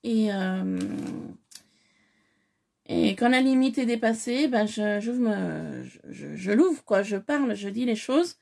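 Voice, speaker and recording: A woman's voice: mid-range voice, expressive, takes it slowly, vocal fry, darkish tone. A woman chatting casually to camera as she unpacks a parcel, effusive and full of hesitant fillers. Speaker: scrapbooking vlogger. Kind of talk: casual unboxing chat.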